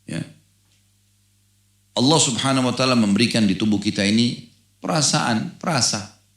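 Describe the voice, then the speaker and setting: A middle-aged man preaching an Islamic sermon, animated and asking the audience questions. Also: mid-range voice, moderate pace. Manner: animated storytelling, acts out a dialogue in the anecdote. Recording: echoey room.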